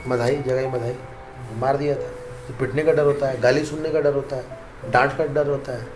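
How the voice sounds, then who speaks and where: A man's voice: medium pitch, fairly even intonation, normal speed, echoey room, noisy background. A man preaching a casual devotional talk to young people, repeating phrases for emphasis and chuckling at his own jokes. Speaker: monk preacher giving a youth talk. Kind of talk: Hindi devotional talk mixed with English words.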